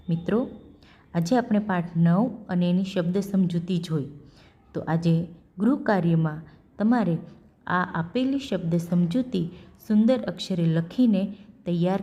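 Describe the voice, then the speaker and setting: Slow, deliberate Gujarati woman teacher. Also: fairly low pitch, dark tone. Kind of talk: reading a lesson and explaining vocabulary.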